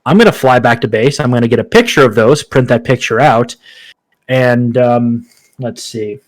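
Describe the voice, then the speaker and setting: A man's voice: mid-range voice, normal speed. A man playing a tabletop game, talking casually and hesitantly as he plans his moves. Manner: hesitant, lots of ums and restarts. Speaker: player.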